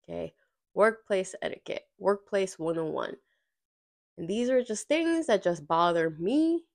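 A woman's voice: medium pitch, lively intonation, unhurried, gravelly. A woman hosting a podcast in casual, blunt, emphatic and slangy talk, her voice nasal and congested from being sick. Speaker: podcast host.

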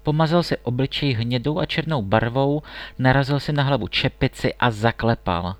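A man narrating a classic fairy tale in a calm, steady storybook reading. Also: medium pitch, no room sound.

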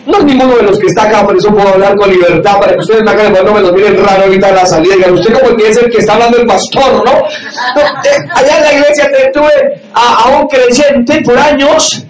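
High-voiced man preaching loudly, echoey hall. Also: a little fast, far from the mic, a crowd in the background. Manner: preaching loudly with frequent shouted emphasis; acts out quoted voices in dialogue. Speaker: pastor. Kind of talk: sermon. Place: church or meeting hall with audience. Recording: echoey room, mic from afar, audience noise.

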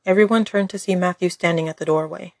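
A woman's voice: on the low side, fairly even intonation, quick pace, a little mellow, no echo, clean studio sound. A woman reading scripted story narration as the narrator.

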